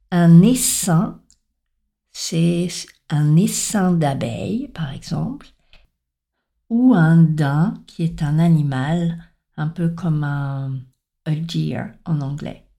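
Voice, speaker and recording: A woman gives a slow, deliberate spoken lesson on sounds. Her voice is soft and mellow, and she spells out letters one by one with clear stress on each example word. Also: fairly low pitch. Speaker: French pronunciation teacher.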